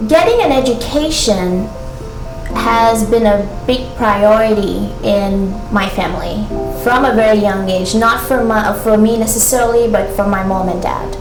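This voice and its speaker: A young woman from Ghana, an international graduate student, speaking reflectively and earnestly in a documentary interview, with frequent pauses and ums. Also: medium pitch. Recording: roomy sound with background music.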